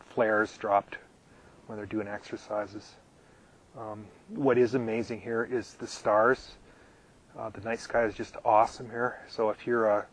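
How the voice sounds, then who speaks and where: A man with a mid-range voice hosts a live, casual Q&A stream from his RV out in the desert, answering viewer questions. He's halting, full of ums and repeated words, and he's losing his voice, clearing his throat often.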